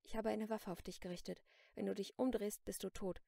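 A woman's voice: medium pitch, fairly even intonation, brisk, creaky, mellow, no room sound, clean studio sound. A woman reading an audiobook, voicing a desperate armed teenage girl who speaks in tense, clipped commands. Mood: cold.

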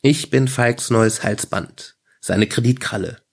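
A man voicing a calm, matter-of-fact AI device speaking through a phone, with a husky, gravelly voice. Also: medium pitch, slow pace. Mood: smug. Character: smug AI collar, machine voice.

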